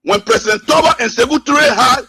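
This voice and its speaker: A man's voice: extremely high pitch, fast, sharp tone, slightly rough. Impassioned man calling in by phone. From Liberia. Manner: impassioned, rhetorical questions. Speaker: caller. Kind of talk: call-in radio political commentary. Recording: phone line on radio.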